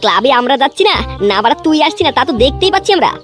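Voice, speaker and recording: A woman's voice: high voice, very animated. A woman doing a boastful young cartoon lover. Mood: cocky. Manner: boastful, crude, fast. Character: boastful young male lover, a village club member. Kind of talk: comic cartoon dubbing. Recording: voice over loud music.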